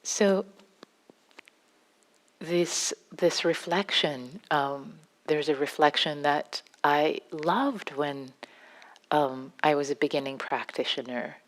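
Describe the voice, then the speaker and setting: In a meditation hall, a woman with a Farsi accent gives an unscripted dharma talk as a meditation teacher. Her voice sits low, and she speaks gently and haltingly, restarting often.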